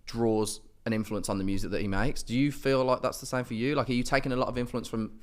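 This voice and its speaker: A man hosting a podcast, asking rambling, casual questions full of fillers and quick laughs. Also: mid-range voice, steady tone. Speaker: podcast host. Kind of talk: casual interview chat.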